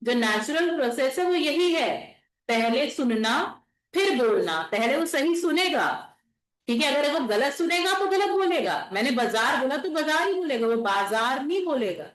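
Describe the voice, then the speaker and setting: Woman teacher, fairly high voice, patient explaining, echoey classroom recording. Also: very animated, measured pace. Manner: explains patiently, repeats and checks with "theek hai". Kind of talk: classroom lecture.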